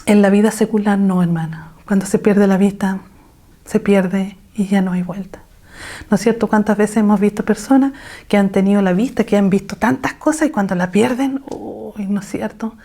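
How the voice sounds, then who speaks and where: A woman leads an online women's Bible lesson over a video call. Her voice is mellow and dark-toned, and she sits at a middle pitch. She urges her listeners on and keeps asking them rhetorical questions. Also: fairly even intonation, normal speed. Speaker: women's Bible study teacher.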